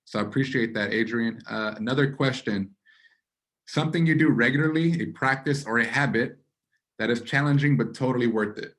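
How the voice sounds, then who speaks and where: A man's voice: medium pitch, a little fast, a bit bright. A man hosting a podcast interview. He affirms and encourages his guest, often adding short acknowledgments. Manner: affirming, encouraging, frequent backchannels. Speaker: podcast host.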